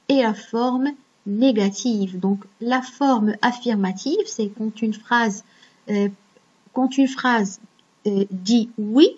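A woman's voice: a little high, slightly rough, muffled recording. A woman teaching a grammar lesson online, patiently explaining step by step and checking in with her students. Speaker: French teacher.

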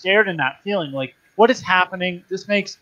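A man's voice: sits high, normal speed, pushed and bright, no echo, highs cut off. A man hosting a casual panel chat, emphatic, acting out mocking retellings. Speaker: host.

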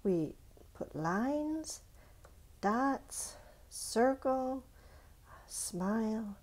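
Speaking very slowly, a woman with a slightly high, darkish voice and lively intonation teaches young kids to draw in stages. She encourages them in simple language and checks in with frequent questions.

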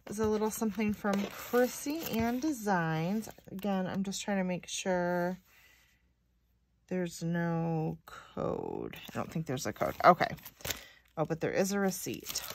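Casual female haul vlogger, slightly low pitch, talkative with frequent filler words. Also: no room sound. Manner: chatty, reads sticker phrases aloud, many likes and ums. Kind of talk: casual unboxing chat.

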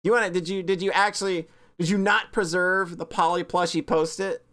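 A woman VTuber chatting casually on a stream, bubbly and self-mocking, rambling with sudden squeaky high bursts. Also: steady tone, brisk, fairly bright tone. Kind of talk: casual stream chat reviewing fan art.

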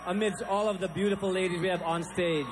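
A man's voice: sits high, steady tone, fast. A man hosting a beauty pageant live on a large stage, addressing the audience like a showy announcer. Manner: showy, rallying announcer delivery. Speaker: pageant host. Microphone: handheld microphone. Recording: music over live arena broadcast.

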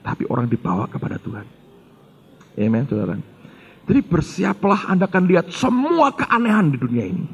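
A man's voice: sits high, big pitch swings, brisk, creaky, husky, lo-fi sound. A middle-aged male pastor, telling a story in a sermon and acting out the dialogue while addressing the congregation.

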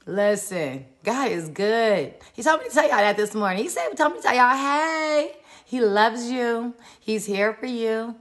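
A woman's voice: on the high side, lively intonation, unhurried, a bit bright. A woman hosting a live-stream morning encouragement, colloquial and preacherly as she greets viewers by where they are.

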